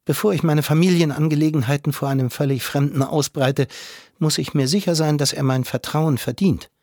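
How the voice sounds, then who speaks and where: A man's voice: on the high side, steady tone, a little fast, a little mellow, no room sound, clean studio sound, voice pushed up, natural voice. A man voicing a prim, guarded young woman from a small town in an audiobook, speaking in a wary, careful way. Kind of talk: audiobook character voice.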